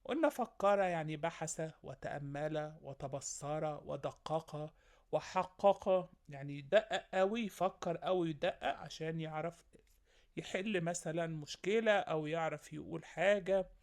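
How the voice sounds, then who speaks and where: A woman's voice: deep voice, unhurried, darkish tone. Egyptian woman teaching children vocabulary. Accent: Egyptian Arabic. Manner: lists synonyms and checks in with young pupils. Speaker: primary school teacher.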